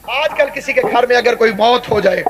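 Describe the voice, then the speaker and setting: A man's voice: very high-pitched, background noise. A man preaching a mourning sermon at a religious gathering, in impassioned, lamenting oratory that breaks into sung verses.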